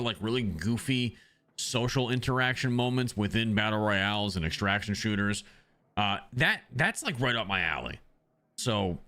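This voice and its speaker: A man's voice: medium pitch, sharp tone. A man chatting loosely to his viewers as a streamer, rambling with many ums, speaking into a desk microphone. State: has the hiccups. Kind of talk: casual livestream chat.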